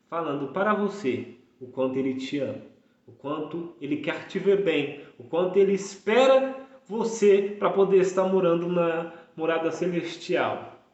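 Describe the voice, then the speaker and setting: A man in his thirties preaching a fervent sermon, repeating phrases for emphasis. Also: high voice. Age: 30s. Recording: echoey room, dull lo-fi sound.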